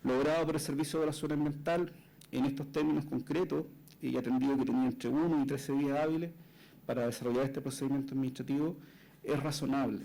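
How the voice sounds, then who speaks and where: A man, a lawyer making a formal oral argument before a court, measured, often tagging his phrases with a questioning "right?". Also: medium pitch, fairly even intonation, creaky, warm tone, poor audio.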